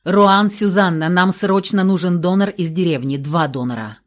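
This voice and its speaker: A woman's voice: fairly low pitch, normal speed, lightly acted. A woman voicing a dry, sardonic young man, a protective brother who grumbles and teases, in an audiobook reading. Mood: grumbling. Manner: wry, grumbling.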